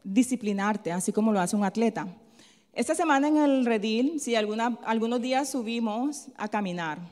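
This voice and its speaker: Preaching in a fairly high, expressive voice, a woman shares a personal story softly and conversationally, asking questions and answering them herself, often adding a quick "¿sí?". It's a sermon built on call and response, and a long hall reverb lets her words linger.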